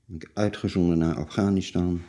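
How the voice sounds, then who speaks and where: A man of forty-seven, answering personal interview questions in a halting, blunt, plain-spoken way. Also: deep voice, steady tone, dark tone. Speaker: interview guest telling his life story.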